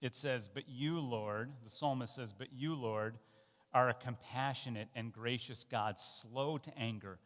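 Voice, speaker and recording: A man's voice: mid-range voice, fairly bright tone, long reverb tail. A man giving a sermon in a conversational, self-deprecating way, with fillers and restarts. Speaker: pastor. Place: church.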